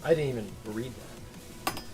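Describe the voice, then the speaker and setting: A man's voice: medium pitch, a little slow, a little mellow, faint music behind. A young man chatting casually over drinks, patiently explaining things step by step. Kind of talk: casual chat while drinking.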